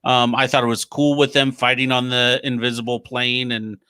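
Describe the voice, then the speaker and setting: A man's voice: mid-range voice, little pitch movement, normal speed, pushed and bright, smooth, no echo, studio quality. A young man co-hosting a casual movie review podcast, easygoing and agreeable, often restarting his sentences. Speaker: podcast co-host.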